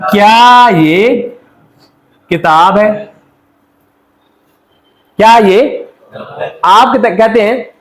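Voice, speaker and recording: A man's voice: high-pitched, reverberant, low-quality recording. A man from Pakistan teaching a Korean language class, drilling students by asking questions and answering them himself. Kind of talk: classroom lecture.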